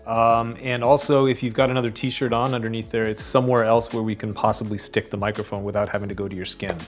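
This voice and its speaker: A man working as a sound recordist, explaining microphone technique in a calm, practical way. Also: lowish voice, fast, soft background music. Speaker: sound recordist guest expert.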